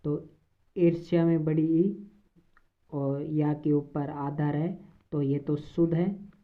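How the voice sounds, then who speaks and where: A low-pitched woman teacher talks slowly and carefully through an exam-prep lesson, repeating each word after she reads it. The sound is thin and tinny, like it is coming over a phone line. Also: fairly even intonation.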